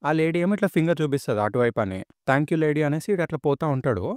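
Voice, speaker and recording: A man's voice: on the high side, expressive, quick pace, a little mellow, dry recording, clean studio sound. A man retelling a manga story in a colloquial, casual storytelling way.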